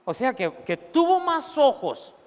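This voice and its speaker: A male pastor preaching a sermon, animated, acting out the scene and laughing at his own jokes. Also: very high-pitched, a little slow. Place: church. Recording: long church hall reverb.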